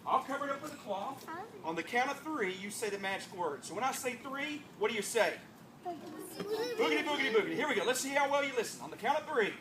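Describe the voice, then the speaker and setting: The speaker hosts a children's live show, magician-style, using coaxing, playful back-and-forth with the kids and clownish put-on surprise. His medium-pitched voice is expressive and quick, and the recording picks up a loud crowd of children and ambient noise throughout the room.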